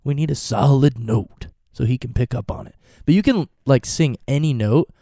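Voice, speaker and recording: Here a man in his twenties, a vlogger who tours with a band, talks casually through a stuffy cold, wandering into jokes and goofy tangents. He speaks at normal speed with a medium pitch and dark tone, recorded at studio quality with no echo.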